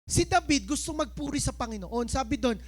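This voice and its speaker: A woman pastor with a high voice delivers a lively, playful sermon. She acts out a scene with a volunteer and slows down to read scripture with care. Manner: animated, playful, switches between preaching and slow scripture reading. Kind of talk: lively sermon with a live demonstration.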